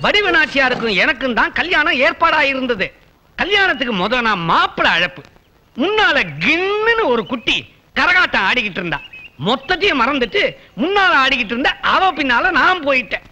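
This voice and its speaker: A man's voice: extremely high pitch, sing-song, brisk, sharp tone. A man acting in a Tamil film comedy scene, teasing and boastful, with sing-song calls.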